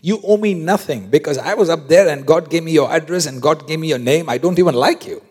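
A preacher putting on an exasperated old prophet, high and incredulous. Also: male voice, brisk, darkish tone, husky, big-room sound.

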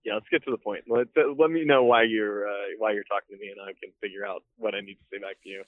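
A man's voice: lowish voice, fairly even intonation, fast talker, dry recording. A man talking casually over an old flip phone call, laid-back and swearing freely between fillers. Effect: heard over an old flip phone call. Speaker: guest calling in by phone. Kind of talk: casual chat. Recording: tinny phone line, dry.

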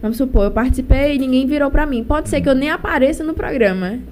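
High-voiced young Northeastern Brazilian woman with a cold. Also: quick pace, darkish tone, a little hiss or hum. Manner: colloquial, chatty. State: has a cold. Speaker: singer being interviewed. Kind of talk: casual storytelling in an interview.

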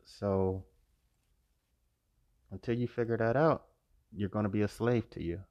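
A man's voice: on the low side, steady tone, a little slow, no echo, dull audio. A man giving an earnest, preachy spiritual monologue outdoors, repeating his phrases. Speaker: vlogger. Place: outdoors by a road. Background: passing cars and wind.

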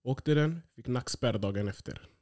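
A man's voice: medium pitch, animated, a little mellow. A young man co-hosting a casual podcast, laid-back and mostly giving brief replies. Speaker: podcast co-host. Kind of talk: casual chat.

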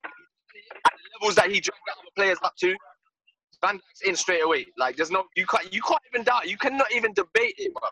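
A man's voice: sits high, sing-song, a little fast, sharp tone, poor audio. A man with a London accent takes part in a casual football debate as a panellist, slangy and emphatic, often repeating himself. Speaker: podcast panellist.

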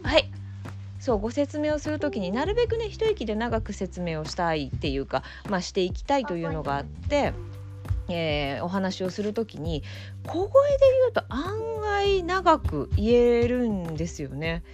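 A woman's voice: medium pitch, sing-song, normal speed, a little mellow, soft background music. A woman hosting a casual solo podcast as a mother, flustered and laughing as she pleads with her small child to stop interrupting.

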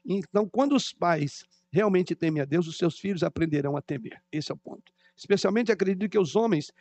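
A man's voice: high voice, animated, brisk, darkish tone, slight background noise. A middle-aged man preaching a sermon in a conversational way, drifting into personal stories. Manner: conversational, digressive with personal anecdotes. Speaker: pastor.

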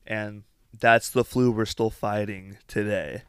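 A man's voice: on the low side, steady tone, slow, fairly bright tone, smooth, no room sound, clean studio sound. A man chatting casually as a podcast co-host, explaining things in a rambling way and peppering his sentences with "like". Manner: says "like" a lot. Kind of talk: casual chat.

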